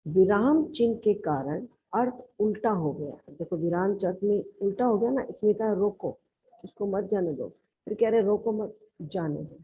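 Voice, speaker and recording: A woman's voice: mid-range voice, husky. A woman school teacher with a Haryanvi Hindi accent, patiently explaining a grammar lesson and addressing the pupils affectionately. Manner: explains patiently, calls listeners "beta". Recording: lo-fi, narrow band.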